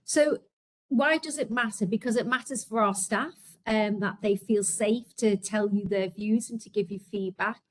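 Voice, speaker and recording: Scouse woman, webinar presenter, fast and earnest, mid-range voice. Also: medium pitch, rough recording. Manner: quick, earnest, lots of ums and restarts. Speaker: healthcare leader presenting.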